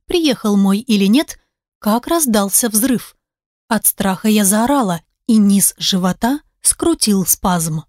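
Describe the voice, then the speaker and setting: This is a woman telling a first-person story as an audiobook narrator. Her voice sits on the higher side, and she reads with lively, expressive energy, bringing the other characters' lines to life. The recording is dry and close. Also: no room sound.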